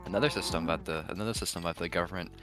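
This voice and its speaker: A man's voice: low-pitched, very fast, over music. A man chatting casually and swearing while playing a game with friends. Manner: loud, swearing banter. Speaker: gamer. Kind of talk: casual gaming chat.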